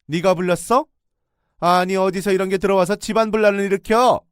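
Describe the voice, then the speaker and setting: A man voicing a furious, domineering older woman, an in-law who scolds in shrill shouts. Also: steady tone, a little fast, clear, resonant tone, dry recording, clean studio sound, close to an everyday voice. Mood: shouting.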